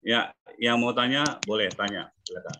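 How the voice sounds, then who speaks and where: A man coaching English pronunciation in an online class, explaining patiently and sounding out example words slowly. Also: medium pitch, pushed and bright, a little hiss or hum. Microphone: video call. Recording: muffled video-call audio.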